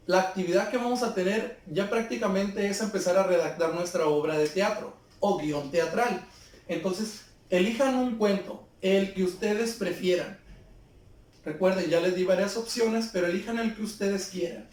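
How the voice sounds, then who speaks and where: Brief: male teacher, patient explainer, higher voice, distant from mic. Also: a little mellow. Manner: patient, explains step by step with questions to pupils. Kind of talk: remote class lesson. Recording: very echoey room, far from the mic.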